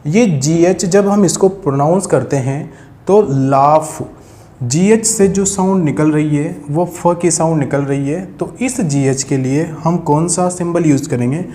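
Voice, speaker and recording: Speaking in a warm, fairly high voice at an unhurried pace, a man walks through an English phonetics lesson at a board. He treats viewers as friends and patiently repeats the important sounds.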